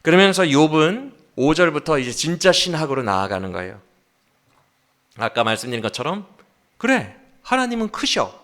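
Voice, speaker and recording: A middle-aged man preaching a sermon in a lively, animated voice that sits a little high for a man. He keeps turning to the congregation with questions and drops into sarcastic voices when he quotes others. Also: fairly quick. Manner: asks the congregation frequent questions. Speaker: pastor.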